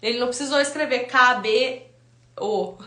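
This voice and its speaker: A woman teaching literacy in a live online class, lively and quizzing her viewers. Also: fairly high pitch, unhurried, reverberant. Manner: lively, asks viewers questions.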